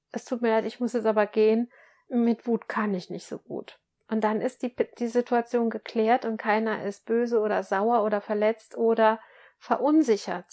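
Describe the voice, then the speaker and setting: A woman hosting a spiritual podcast, speaking calmly and gently as she relays messages from her teachers to her listeners. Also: a little high. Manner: calm, gently instructive, addresses listeners as dear children. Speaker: spiritual medium and podcast host. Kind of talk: channeled spiritual talk.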